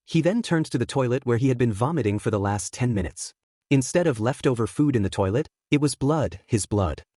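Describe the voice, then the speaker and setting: A man narrating a fanfiction story in a steady, plain reading voice. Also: mid-range voice, brisk, no room sound, clean studio sound. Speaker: fanfiction reader.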